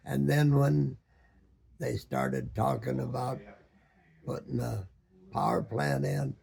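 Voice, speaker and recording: Very old man, gravelly, slow and halting. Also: medium pitch, mellow. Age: over 100, very old man. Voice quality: very aged, gravelly, husky voice. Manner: halting, with long searching pauses and many ums. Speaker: retired boat captain. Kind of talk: slow reminiscing storytelling.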